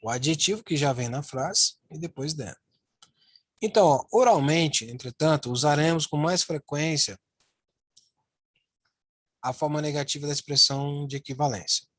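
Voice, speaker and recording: A man's voice: fairly high pitch, normal speed, pauses often, a bit bright, no room sound. A man teaching English grammar in a lesson, walking students through slides and tagging phrases with "né" and "ó". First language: Portuguese. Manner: repeats "ó" and "né" while pointing at slides. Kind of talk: online lesson explaining slides.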